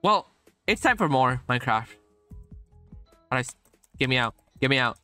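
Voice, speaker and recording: A young male streamer reacting to a story game with sarcasm and frequent swearing. His voice is bright and jumps around in pitch. Faint game music plays behind him. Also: very animated, moderate pace, no room sound. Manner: sarcastic, swears a lot, laughs often. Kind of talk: casual gameplay commentary.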